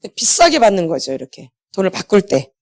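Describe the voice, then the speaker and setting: A woman's voice: mid-range voice, very animated, quick pace, a little mellow. A middle-aged woman preaching to her congregation. She keeps asking them questions and answers them herself. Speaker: pastor's wife leading a healing meeting. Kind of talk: sermon.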